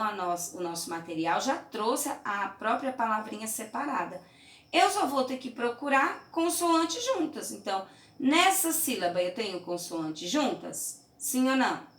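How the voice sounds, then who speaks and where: A woman teaching young children in a remote lesson, from Brazil, patient and clear, often checking in with "tá?" and "certinho?". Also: mid-range voice, recorded from a distance. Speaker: primary school teacher. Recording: roomy echo, mic held away.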